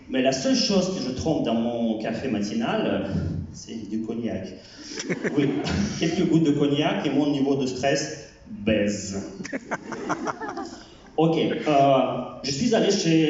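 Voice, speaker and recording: A man doing a stand-up set as a French teacher, talking haltingly with many fillers and repeated words. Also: mid-range voice, a little mellow, slight background noise. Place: comedy club stage. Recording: echoey hall from far off, dull sound.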